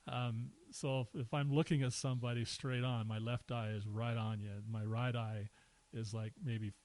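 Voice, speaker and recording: Middle-aged male guest, casual storyteller, average pitch, lively anecdotes. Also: moderate pace, low-quality recording. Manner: relaxed anecdotes with chuckles and acted-out quotes. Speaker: podcast guest.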